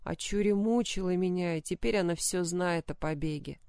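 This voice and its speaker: A woman voicing a tortured, dying young woman beggar with a hoarse, weak, quiet voice. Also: fairly low pitch, moderate pace, no room sound, studio quality, lightly acted. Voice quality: hoarse, croaking.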